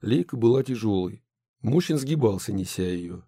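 A man narrating an audiobook in an expressive storytelling manner. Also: on the low side, moderate pace, husky, no echo, studio quality.

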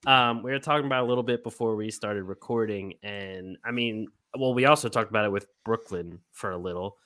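A man's voice: lowish voice, a little fast, bright, forceful tone. A man hosting a casual basketball podcast, laughing often and using lots of fillers. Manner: laughs a lot, many fillers. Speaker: podcast host. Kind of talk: casual chat.

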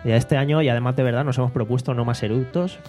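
A man's voice: medium pitch, fairly even intonation, fast, darkish tone, soft background music. A man, hosting a casual podcast, reading out listener comments in a mocking, swearing tone. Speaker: podcast host. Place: home studio.

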